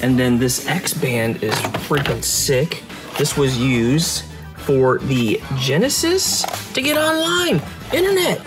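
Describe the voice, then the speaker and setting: A man hosting a video game collecting vlog, chatting excitedly as he digs through a hot Florida warehouse. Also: mid-range voice, takes it slowly, music in the background. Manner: excited and enthusiastic. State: sweating in the heat. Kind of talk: casual vlog chat.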